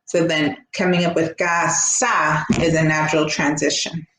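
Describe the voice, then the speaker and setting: A woman's voice: low voice, little pitch movement, normal speed, a bit bright. A woman teacher educator giving a recorded lecture, explaining step by step and often checking in with "right?". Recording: echoey room with faint background hum.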